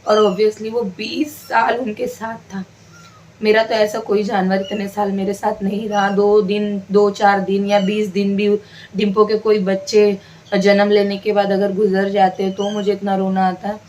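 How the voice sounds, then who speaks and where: Young woman from side, chatty home vlog, talking straight to viewers on her phone cam, soft hiss behind. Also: mid-range voice, flat delivery, measured pace. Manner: chatty, emotional, talks to viewers directly. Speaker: vlogger. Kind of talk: casual home vlog chat. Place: at home indoors. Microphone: phone camera.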